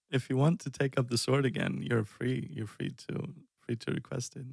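A man in his thirties from Iceland speaks into a headset in a dark indoor room, casually rambling on a music live stream with frequent self-deprecating chuckles. His mid-range voice is gravelly and husky, and there's no room sound at all.

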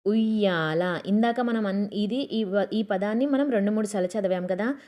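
A woman teaching children to read, slowly spelling out each syllable and joining the sounds into whole words. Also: medium pitch, warm tone. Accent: Telugu. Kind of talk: slow syllable-by-syllable reading lesson for children.

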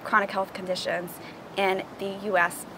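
A woman in her twenties vlogs outdoors on a yoga mat, speaking frankly and with exasperation to the camera. Her medium-pitched voice moves little, at a moderate pace, and the camera mic picks up a noisy background.

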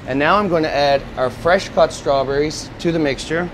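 A man's voice: on the high side, moderate pace, a little hiss or hum. Man, chef demo. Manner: steady instructive step-by-step explaining. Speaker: executive chef. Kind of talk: cooking demonstration. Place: restaurant kitchen at a gas range. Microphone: lapel mic.

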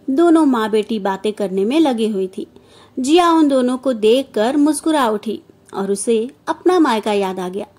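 A woman narrating a scripted moral story in an even, measured reading manner. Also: a little high.

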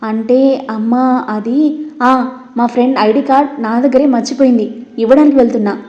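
A woman's voice: fairly high pitch, fairly even intonation, a little fast, dark tone, echoey room, lo-fi sound, natural voice. A woman voicing an anxious young woman who speaks hesitantly and pleads. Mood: nervous.

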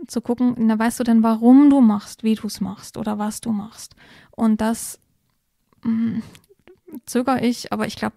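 A woman co-hosting a podcast, calmly explaining step-by-step advice in a casual conversation. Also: a little high, creaky, no echo, studio quality. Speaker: podcast co-host explaining parenting topics.

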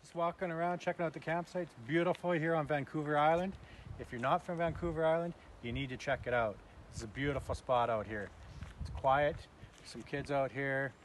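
A man's voice: a little high, brisk, background noise. A man in his fifties from Canada, talking casually and cheerfully to his phone camera outdoors at a forest campsite. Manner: upbeat, chatty, bursts of enthusiasm. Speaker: camping vlogger. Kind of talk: casual vlog chat to camera. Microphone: phone camera held close.

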